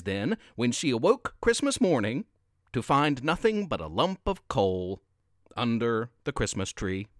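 Very expressive male storybook narrator. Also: a little high, no room sound, studio quality. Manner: very expressive, sing-song reading.

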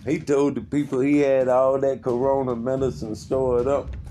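A man's voice: mid-range voice, little pitch movement, normal speed, warm tone, faint music behind. A man giving an indignant, profane political rant in casual streetwise slang, often repeating words as he heats up. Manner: restarts and repeats words while heated. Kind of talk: ranting political commentary.

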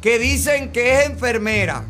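A man hosts a live call-in game, ribbing his callers with jokes. His voice sits very high and rings bright, with faint music playing under him. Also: expressive, a little slow. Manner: joking, teasing. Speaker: host.

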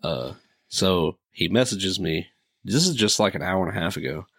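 A man's voice: low voice, lively intonation, moderate pace, fairly bright tone, no echo, clean studio sound. A man, telling a profane story casually on a podcast and laughing through it. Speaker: podcast co-host.

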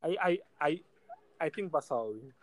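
A man's voice: a little high, lively intonation, moderate pace, slight background noise. A man giving his views in a casual sports chat as one of a panel. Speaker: football podcast panelist.

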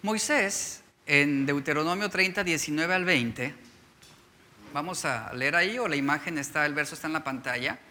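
Guy preaching a sermon, high lively voice, super bright, keeps asking the crowd questions. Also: normal speed, slight background noise. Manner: preaching with rhetorical questions to the congregation. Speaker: pastor.

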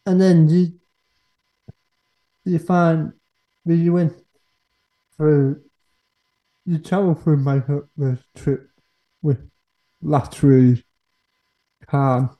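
A man hosting a casual podcast interview in halting, fragmented phrases. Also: fairly high pitch, fairly even intonation, dark tone, rough recording. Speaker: podcast host.

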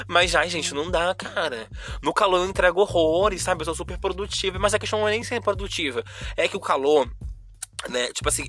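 A man with a Brazilian Portuguese accent hosting a casual solo podcast chat, theatrical and slangy, with drawn-out sighs and whispered asides. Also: a little high, sharp tone. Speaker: podcast host.

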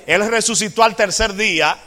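Man preaching, high bright voice, hushed asides then loud drawn-out proclamations, questions to the congregation, long church reverb. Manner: asks the congregation rhetorical questions. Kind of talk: sermon.

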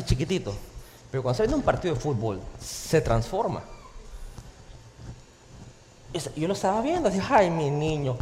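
Male pastor, lively high-pitched sermon delivery, playful humor, church hall with long reverb. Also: a little hiss or hum. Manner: animated, joking preacher. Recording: reverberant hall, faint ambience.

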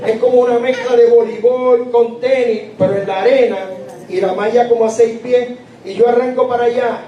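A man's voice: very high voice, steady tone, moderate pace, dull audio, crowd noise. A man in his late fifties preaching a chatty, humorous sermon, often asking the congregation questions. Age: late 50s. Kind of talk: conversational sermon.

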